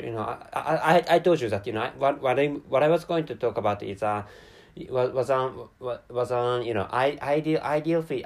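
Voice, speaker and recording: This podcast host is a man from Japan, a native Japanese speaker whose accent comes through in his mid-range voice. His unscripted monologue is very halting, rambling and digressive, full of stammered repeats of syllables and words.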